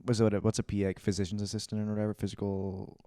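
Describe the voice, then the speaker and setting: A young man, co-hosting a podcast in loose casual chat, full of "like" and quick laughs. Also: fairly low pitch, level tone, mellow, no room sound, clean studio sound. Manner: rambling, filler-heavy, laughs easily. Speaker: podcast co-host.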